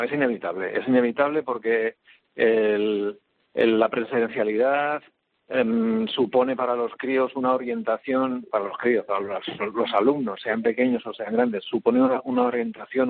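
A man, a teacher, speaks on a radio show over a tinny phone line. His voice is gravelly and his pitch moves a lot. He talks haltingly, with many fillers. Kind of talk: phone interview.

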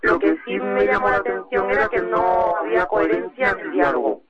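Una mujer entrevistada en la radio como madre, con la voz distorsionada y bajada de tono para ocultar su identidad. Cuenta su historia con cuidado y vacila a menudo. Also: female voice, steady tone, fairly quick, dull audio, a crowd in the background. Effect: voice distorted and pitched down to hide her identity. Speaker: mother interviewed as radio guest. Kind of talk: personal account in a radio interview.

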